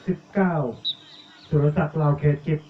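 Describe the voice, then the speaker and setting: A man giving live commentary on a village football match, reeling off player numbers and names and getting louder on attacks. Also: moderate pace, a little hiss or hum. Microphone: cheap tablet recording. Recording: echoey, tinny, phone-like audio.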